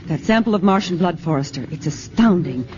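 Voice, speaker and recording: An actor playing an excited male lab scientist reporting findings. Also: high-pitched, brisk, slight background noise. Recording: muffled vintage radio broadcast.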